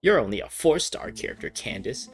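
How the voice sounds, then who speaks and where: Female game commentator, very deep for a woman, swooping intonation, silly and casual. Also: very animated, brisk. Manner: playful, silly asides. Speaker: game streamer. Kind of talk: casual game commentary with dialogue read-along.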